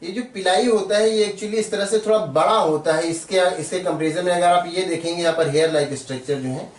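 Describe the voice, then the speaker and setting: A man's voice: sits high, a little fast, roomy sound, recorded from a distance. A man teaching biology step by step, patiently repeating terms and spelling them out as he draws. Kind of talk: step-by-step drawing tutorial.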